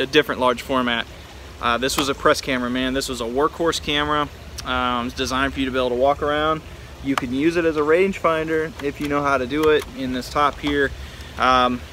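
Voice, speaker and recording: A man's voice: mid-range voice, pushed and bright. An American man from Texas speaking casually and informally from his backyard, giving a hands-on demonstration to camera. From Texas, United States. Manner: informal, laid-back address from the backyard. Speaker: vlogger presenting vintage cameras. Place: outdoors in a backyard by a pool. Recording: outdoor backyard with faint background noise. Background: faint outdoor pool noise.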